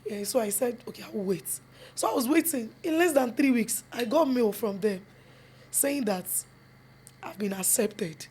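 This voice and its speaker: A young Nigerian woman with a Yoruba accent, who works as a film producer and actress, gives earnest interview answers in a slightly high, expressive, darkish, somewhat rough voice at a moderate pace. She switches between English and Yoruba mid-sentence and repeats phrases for emphasis.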